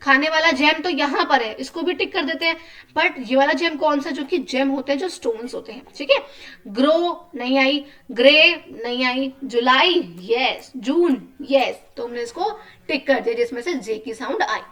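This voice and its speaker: A woman's voice: high-pitched, normal speed, fairly bright tone, recorded from a distance. A woman with an Indian accent teaching children a lesson, patient and often checking in with questions.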